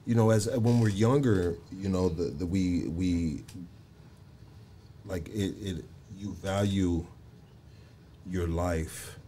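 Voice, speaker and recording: A man in his forties interviewing casually, halting and leaning on fillers and tag questions. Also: low-pitched, fairly even intonation, dark tone, a little hiss or hum. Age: 40s.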